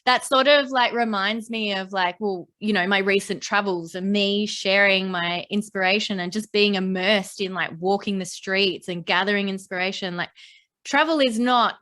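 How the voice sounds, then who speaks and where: Woman co-host, mid-pitch voice, rambling, upbeat, lots of fillers. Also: moderate pace, bright, forceful tone. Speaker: podcast co-host. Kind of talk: casual chat.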